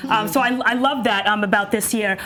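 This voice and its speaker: A woman's voice: mid-range voice, fairly even intonation, brisk, a bit bright. A woman from Ethiopia co-hosting a talk show in a conversational panel style.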